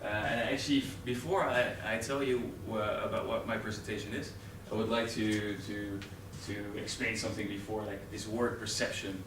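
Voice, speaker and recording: Presenting live to a training group, a young man with a Dutch accent speaks with a steady tone on the low side, at a moderate pace with barely a pause. He hesitates often, using many fillers and restarts. The sound is roomy and noisy, picked up by a distant camera in a training room with an audience.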